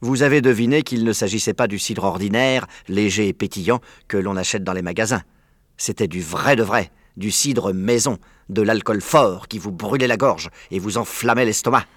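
A man narrating a children's story aloud in a clear, measured way. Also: on the low side, fairly bright tone, no echo, clean studio sound. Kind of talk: audiobook narration.

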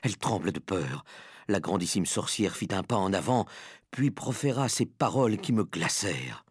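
A man narrating a dark storybook with expressive delivery. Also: low voice, normal speed, husky, dry recording. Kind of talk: audiobook narration.

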